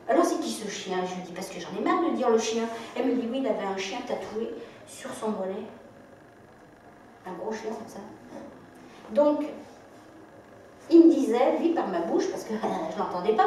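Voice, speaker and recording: A woman giving a talk, telling lively anecdotes and acting out the dialogue, with frequent laughter. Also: mid-range voice, slight background noise. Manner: lively storytelling, acts out dialogue, laughs often. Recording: echoey room, mic far off.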